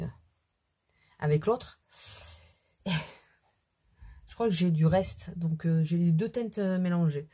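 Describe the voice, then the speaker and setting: Middle-aged woman vlogger with a cold, slightly low, mellow tone; casual, self-deprecating beauty chat. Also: breathy edge. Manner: chatty, rambling, self-deprecating asides. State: has a cold. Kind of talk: casual makeup vlog chat. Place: at home at her mirror.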